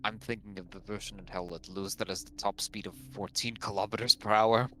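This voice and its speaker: A man's voice: lowish voice, fairly even intonation, brisk, bright, forceful tone. A man chatting casually as a friend on a game stream, teasing and joking with mock outrage. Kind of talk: casual chat.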